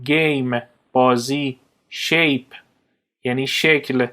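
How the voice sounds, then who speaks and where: Man, Persian accent, English teacher, vocabulary drill, word then meaning, middle pitch. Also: steady tone, bright, forceful tone.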